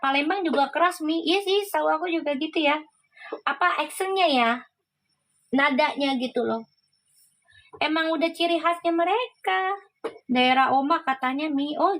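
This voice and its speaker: A woman's voice: sits high, a bit bright, poor audio. A woman hosting a casual livestream, chatting and reacting to viewer comments, laughing often.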